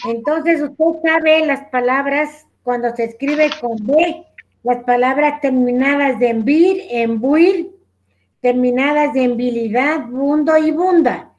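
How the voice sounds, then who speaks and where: Ecuadorian woman, teacher, high voice, slow and patient, video call. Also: muffled recording. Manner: patient, directive, calls on students by name. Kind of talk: online class instruction.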